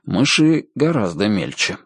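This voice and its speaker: A man's voice: lowish voice, very animated, unhurried, vocal fry, a bit bright, slightly rough, no room sound, clean studio sound, heavily acted. A man reading the part of a bewildered, flustered young man, speaking in a baffled, hesitant way.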